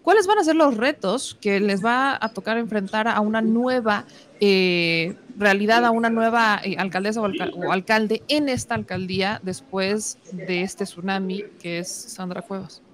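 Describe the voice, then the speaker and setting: A woman news host, interviewing and commenting in a colloquial, animated way with rhetorical questions. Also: medium pitch, moderate pace.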